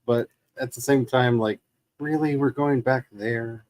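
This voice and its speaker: A man's voice: mid-range voice, fairly even intonation, a little slow, darkish tone. A man hosting a casual gaming stream, chatting in wry, rambling asides. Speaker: livestream host. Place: room shared with second speaker.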